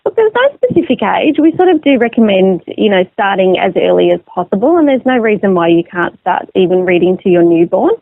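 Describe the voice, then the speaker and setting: Creaky-voiced woman, phone-like audio. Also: mid-range voice, sing-song, fairly quick, hardly any pauses, dry recording. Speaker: magazine editor as interview guest. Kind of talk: conversational explanatory interview. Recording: narrow phone line sound.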